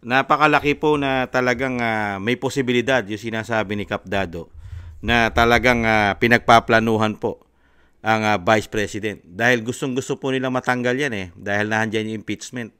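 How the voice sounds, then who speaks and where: A man's voice: mid-range voice, fairly even intonation, normal speed, fairly bright tone, clean tone. A man hosting political commentary, agreeing politely and respectfully. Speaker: host.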